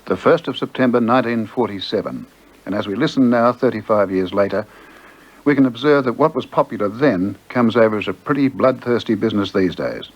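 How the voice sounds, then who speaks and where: A man's voice: lowish voice, a little fast. A man presenting a radio documentary in scripted, reflective narration. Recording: slightly dull archived radio recording.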